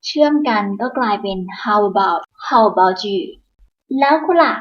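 A woman teaching beginners in a patient, instructional manner, repeating each phrase slowly. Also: mid-range voice, animated, highs cut off. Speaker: English teacher. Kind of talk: slow instructional explanation.

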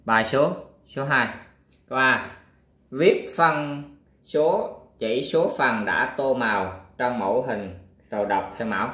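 A man teaching a math lesson, working through a worksheet, counting aloud step by step and pausing with fillers. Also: mid-range voice, fairly bright tone, echoey room.

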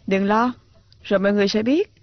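A woman dubbing a sharp-tongued, jilted young woman teacher in a TV drama, defiant and biting. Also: mid-range voice, fast talker, no room sound, lightly acted. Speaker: dub actress. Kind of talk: dubbed TV drama acting. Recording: dull lo-fi dub audio.

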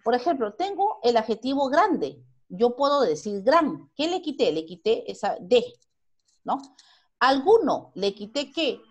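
A woman's voice: a little high, big pitch swings, a little slow. A Peruvian woman teaching a primary school grammar lesson online, who asks the class questions and then answers them herself. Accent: Peruvian Spanish.

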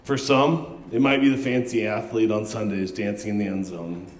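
A man's voice: fairly low pitch, steady tone, moderate pace. A young man giving a best man toast at a wedding, reading jokes and tributes from his phone with a handheld microphone. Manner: reads from his phone, laughing through jokes. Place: large hall at a wedding reception. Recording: echoey reception hall.

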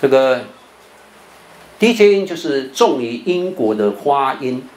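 An older Buddhist monk gives a televised lecture on English pronunciation, explaining patiently in a mid-range, sing-song voice. He closes many phrases with a drawn-out "哦" and stretches the sounds he demonstrates. The recording has a roomy echo and faint background noise.

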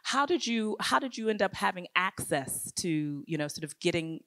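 A woman's voice: lowish voice, animated, moderate pace, a bit bright, no room sound, studio quality. A woman from Detroit, a curator, moderating a panel and asking long, winding questions full of "sort of", into a handheld microphone on stage. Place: museum auditorium stage, seated panel before an audience.

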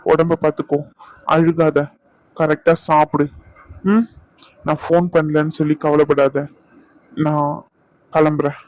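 Gentle, remorseful cartoon husband, voiced by a man; fairly high, muffled dry recording. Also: monotone, unhurried, pauses often, no room sound, close to an everyday voice. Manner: soft, reassuring.

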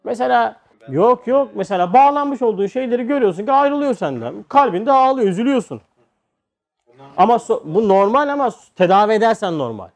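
A man giving an informal religious lecture, talking to listeners like a brother and moving between quiet asides and emphatic points. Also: high voice, sing-song, a little fast. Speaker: religious teacher.

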